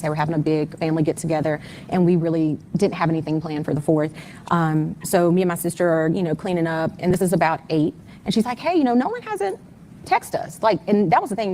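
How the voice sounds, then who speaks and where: A woman's voice: fairly low pitch, darkish tone, slight background noise. A middle-aged woman, a mother being interviewed, retelling events step by step with frequent fillers. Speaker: interview guest, mother of the missing person. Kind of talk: conversational personal account.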